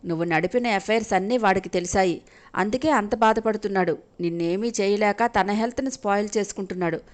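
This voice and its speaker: A woman's voice: mid-range voice, fast, close to an everyday voice. Woman doing a snobby nasty mother-in-law, all contempt and threats. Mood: contemptuous. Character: arrogant scheming mother-in-law.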